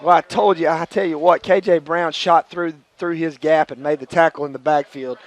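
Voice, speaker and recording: A man calls a high school football game on local radio from the press box. His voice sits somewhat high for a man, and he talks in an excited, nervous way. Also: moderate pace. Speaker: play-by-play radio announcer.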